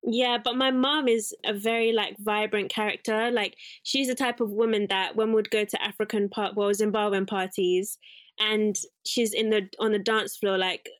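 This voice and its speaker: A young Englishwoman who owns a curly hair salon talks about her life as a guest in a casual interview. She's reflective and rambling, full of fillers and self-corrections, with a mid-range voice recorded without echo.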